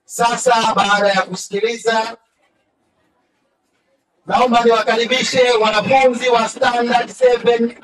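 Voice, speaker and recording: At a school hall event, a man acting as master of ceremonies hosts a talent show, enthusiastically announcing acts. His very high-pitched voice is a bit bright, with little pitch movement, a little slow and pausing often. The hall echoes, he is far from the mic, and there is faint noise.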